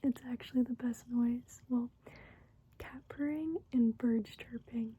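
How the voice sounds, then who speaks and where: Whispering young woman, soft ASMR chat. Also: on the high side, steady tone, husky, no room sound, lo-fi sound. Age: 20s. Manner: whispered, unhurried and giggly. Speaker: ASMR creator.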